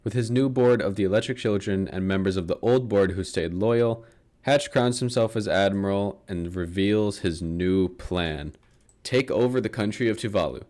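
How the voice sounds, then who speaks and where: A young man with a lowish voice tells a book's story as comedy, dry and sarcastic, dropping swear words and chuckling at his own jokes. He reads from a script but keeps it loose and chatty. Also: normal speed, darkish tone, a little hiss or hum. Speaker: comedic book summarizer.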